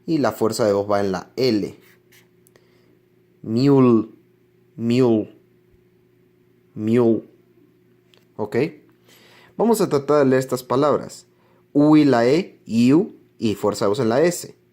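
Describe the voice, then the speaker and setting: A man's voice: medium pitch, animated, moderate pace, mellow. A man teaching English pronunciation in a classroom-style lesson, explaining patiently and repeating each example word several times.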